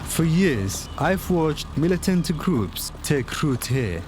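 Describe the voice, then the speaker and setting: Male reporter, lively intonation. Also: on the high side, background noise. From Somalia. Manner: measured, grave reportage. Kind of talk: documentary voice-over narration.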